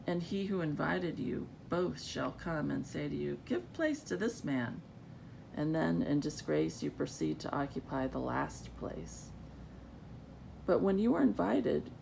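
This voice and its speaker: A woman's voice: darkish tone, low-quality recording. A woman with a groggy, just-woke-up morning voice, reading scripture aloud in an informal way. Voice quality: gravelly, creaky. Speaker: scripture reader. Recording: rumbly background noise.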